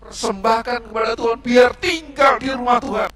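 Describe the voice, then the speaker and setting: A woman's voice: fairly high pitch, fairly quick, a bit bright, shouting, far from the mic, voice pushed up, close to an everyday voice. A man voicing a tearful childless mother who pleads with God for a son, in an echoey church hall, some way from the mic. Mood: pleading. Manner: pleading, then sobbing with joy.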